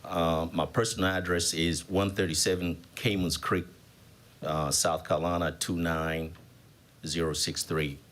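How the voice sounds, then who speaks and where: A very deep-voiced man from Tanzania speaks at a public hearing. He is a business professor, and his testimony is halting, broken up by frequent fillers. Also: little pitch movement, a bit bright.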